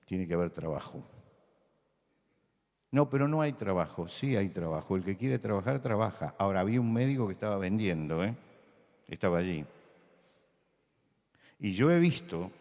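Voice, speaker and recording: Older Argentine pastor with deep voice. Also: male voice, a little mellow, long reverb tail. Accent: Rioplatense Spanish. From Buenos Aires, Argentina. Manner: storytelling, conversational, rising to emphatic. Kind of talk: sermon. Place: large church hall.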